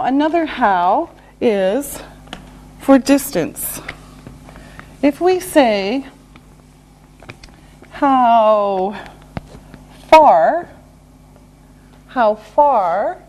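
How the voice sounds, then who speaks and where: A woman teaching basic English, speaking slowly and clearly and repeating each example sentence. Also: fairly high pitch, darkish tone. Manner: very slow, over-enunciated, repeats each example. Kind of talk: slow, deliberate ESL lesson.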